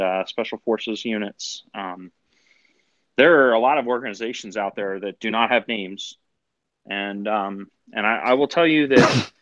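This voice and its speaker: A man in his forties talking in a group call, halting with many ums and restarts. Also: fairly low pitch, fairly bright tone, dry recording, lo-fi sound. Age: 40s. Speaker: caller. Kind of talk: casual group call chat. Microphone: phone.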